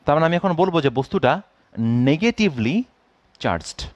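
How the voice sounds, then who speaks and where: A man's voice: fairly high pitch, expressive, normal speed, muffled recording. A man giving a physics class, checking in with students and dropping English phrases into his explanations. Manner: asks students constant check-in questions; drawing and counting aloud at a board. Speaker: physics teacher. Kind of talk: classroom lecture.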